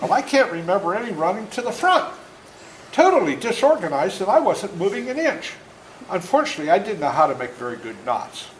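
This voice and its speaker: Before a school audience indoors, a man in his seventies reads his own book to children, his lively pitch swooping as he goes a little fast. He's folksy and interactive, acting scenes out. The room echoes and carries faint background noise.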